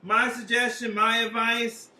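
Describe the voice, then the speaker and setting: A man's voice: very high-pitched, flat delivery, a little slow, pushed and bright. A man hosting a comic advice hotline, talking in a rambling, slangy, profane and casual way. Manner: profane, slangy, rambling, repeats tag questions. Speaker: comedic tarot advice hotline host. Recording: roomy echo, distant from mic.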